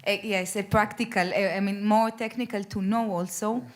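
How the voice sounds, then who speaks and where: A woman's voice: medium pitch, steady tone, moderate pace. Hesitant woman asking a question. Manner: hesitant, many fillers. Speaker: audience member asking a question. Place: lecture hall.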